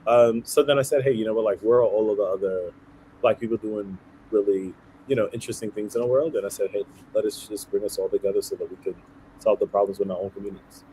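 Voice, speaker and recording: Earnest low-voiced man, mellow tone. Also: fairly even intonation, quick pace, a little hiss or hum, rough recording. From Haiti, raised in Brooklyn. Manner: earnest, often asks "right?" as he explains. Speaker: guest, nonprofit founder. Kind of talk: conversational interview.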